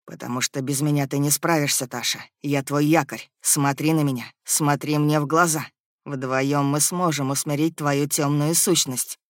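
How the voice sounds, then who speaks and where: A woman voicing a calm, reassuring young male prince in an audiobook, speaking in a soft, hoarse, insistent way. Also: low voice, moderate pace, dry recording, clean studio sound, voice pushed down, lightly acted. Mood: soothing. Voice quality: hoarse, breathy. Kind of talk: audiobook character voice.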